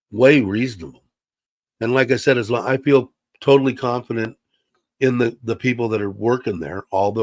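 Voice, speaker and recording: On his casual livestream, a man chats from his computer with a mid-range voice that sounds slightly stuffed up. He rambles with lots of filler words, and his computer mic picks up no echo.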